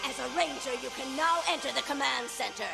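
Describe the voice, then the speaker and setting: An actress playing an evil sorceress empress in a 1990s TV action series, shouting commands in a shrill, theatrical manner, with a music score behind. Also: female voice, fairly quick, creaky. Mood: scheming.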